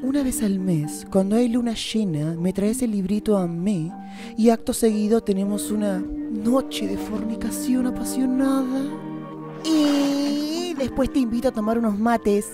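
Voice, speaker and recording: A man voicing a flirtatious owl demon lord in an Argentine cartoon fan dub, with an affected posh accent and drawn-out, suggestive delivery. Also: extremely high pitch. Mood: smooth, flirtatious. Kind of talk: fan-dubbed adult cartoon acting. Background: loud music.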